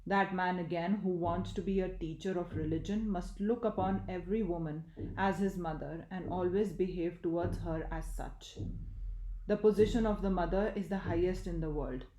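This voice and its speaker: Woman audiobook reader, low mellow voice, measured delivery, roomy echo. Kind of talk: reading a spiritual book aloud.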